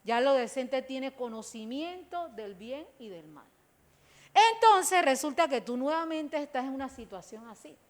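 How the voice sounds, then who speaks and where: A woman's voice: high-pitched, animated, moderate pace. A middle-aged woman pastor with a Panamanian accent, preaching a sermon in emphatic bursts and calling her listeners brothers. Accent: Panamanian Spanish.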